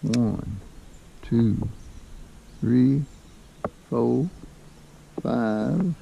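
A man giving slow, folksy commentary while fishing from a small boat, recorded on an action camera. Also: medium pitch, vocal fry, mellow, lo-fi sound, a little hiss or hum. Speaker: fishing vlogger. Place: small boat on a lake, outdoors. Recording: faint outdoor lake ambience.

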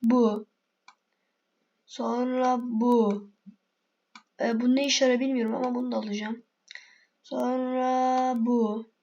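High-pitched chatty woman gaming commentary. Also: flat delivery, takes it slowly, pauses often, a little mellow, lo-fi sound. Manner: chatty, talks to herself and viewers, sudden exasperated outbursts. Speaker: gaming video creator. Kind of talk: casual gameplay commentary.

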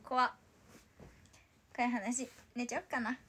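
A woman's voice: fairly high pitch, flat delivery, a little slow, fairly bright tone, breathy edge. A woman in her twenties from Tokyo, hosting a casual solo livestream and chatting playfully in answer to viewer comments. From Tokyo, Japan. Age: 20s. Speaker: idol livestream host.

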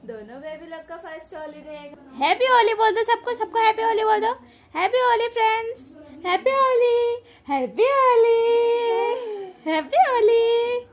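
A young woman talking to her baby son in loud, high, sing-song baby talk. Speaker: mother.

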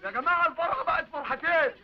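Indignant high-voiced Egyptian man. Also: racing, slight background noise. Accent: Egyptian Arabic. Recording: muffled old film soundtrack with music.

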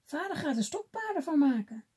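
A woman's voice: sits high, very animated, fairly quick, mellow, pitched above the performer's own voice. A woman doing a polite little boy. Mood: earnest. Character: young boy, polite and worried.

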